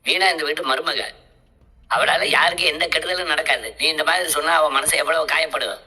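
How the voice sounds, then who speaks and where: Brief: woman voicing a firm grown son, husky and fast, echoey. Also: sits low, fairly even intonation, pushed and bright, full character voice. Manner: reasoning, rapid and firm. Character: grown son, calm rational family man. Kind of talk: dramatic serial dialogue retelling. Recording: long reverberant echo.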